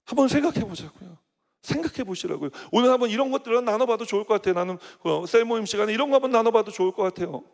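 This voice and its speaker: A man's voice: high-pitched, animated, rapid-fire, vocal fry. A middle-aged male pastor preaching a sermon to young adults, in a conversational way with rhetorical questions and casual asides. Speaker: senior pastor. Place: church hall. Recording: reverberant church hall.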